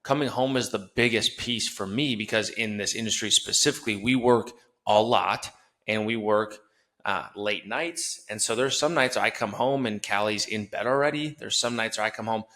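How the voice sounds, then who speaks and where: This podcast host is a man with a Wisconsin accent and a lowish, bright voice with a forceful tone. At a normal speed, he conducts a casual interview, talking earnestly and conversationally and asking follow-up questions.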